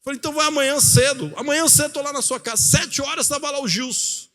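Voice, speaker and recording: A male pastor preaching a sermon in a church, telling a story with animated delivery and acting out the voices of the people in it. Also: extremely high pitch, quick pace. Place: church auditorium.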